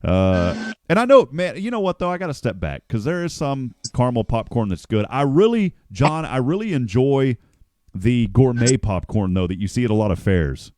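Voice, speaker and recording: A man's voice: mid-range voice, very animated, moderate pace, a little mellow, no echo, clean studio sound. A man hosting a morning radio show, chatting casually and rambling, often correcting himself as he reads the news.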